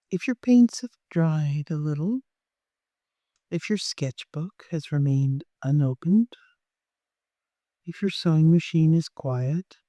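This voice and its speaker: Leading listeners through a meditation, a guide of unclear sex talks in a soft, gentle, leisurely way and lets long pauses hang. There's no echo on the mid-range voice.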